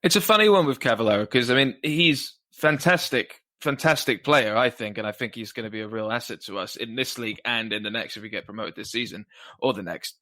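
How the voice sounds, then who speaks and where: A man's voice: medium pitch, bright, forceful tone. A man giving rambling, hedging opinions as a panelist on a casual football fan podcast.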